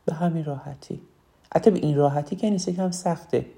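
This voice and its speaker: A woman's voice: deep voice, vocal fry, warm tone. A woman teaching public speaking in an earnest lecture, often repeating key phrases for emphasis. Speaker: speaking coach. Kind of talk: instructional talk on public speaking.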